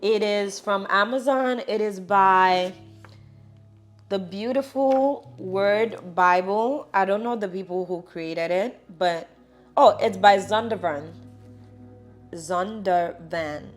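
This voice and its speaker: A woman's voice: mid-range voice, slow pace, soft background music. A young woman with a Nigerian accent, chatting casually and encouragingly as she walks through her Bible study tips. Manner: chatty, encouraging, lively asides. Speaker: vlogger.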